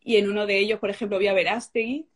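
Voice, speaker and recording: A woman's voice: medium pitch, steady tone, fast. A young woman giving a personal testimony, storytelling with emotion and acting out the dialogue she quotes. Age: young adult. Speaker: guest sharing a conversion story.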